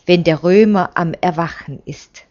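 A shrewd old priest hands out knowing advice, as a woman reading a story puts him on. His voice is a touch higher than her narration. The recording is dull and lo-fi. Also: a little slow, a little mellow, close to an everyday voice. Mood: sly. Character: shrewd older male teacher-priest, sly.

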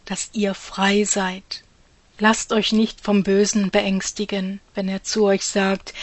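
Slow, solemn woman reading a devotional message. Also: mid-range voice, no room sound. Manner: slow, earnest and exhorting, with soft, hushed phrase endings.

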